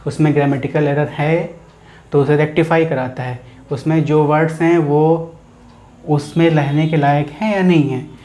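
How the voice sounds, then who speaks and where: A man's voice: on the high side, mellow. Man teaching a grammar lesson. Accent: Indian English. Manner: explains step by step, asks and answers his own questions.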